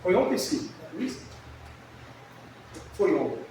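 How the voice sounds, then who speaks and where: High-voiced preacher man in an echoing church. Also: takes it slowly, slight background noise. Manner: lively storytelling with shouted peaks and hushed asides. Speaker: pastor. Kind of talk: sermon. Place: church hall. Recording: echoey church sound from far off.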